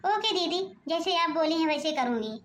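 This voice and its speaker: Sly, mock-obedient cartoon bride with an Awadhi accent, voiced by a woman, high voice, roomy mic. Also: animated, normal speed, fairly bright tone. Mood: mock-sweet. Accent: Awadhi-region Hindi. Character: cheeky stubborn young daughter-in-law.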